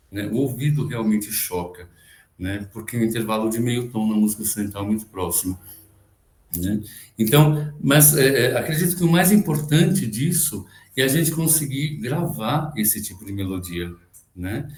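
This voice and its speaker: A man's voice: mid-range voice, darkish tone. Man teaching chant, echoey room. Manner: explanatory, frequent "né?" tag questions, breaks into short chanted phrases. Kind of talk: online music lecture with sung examples.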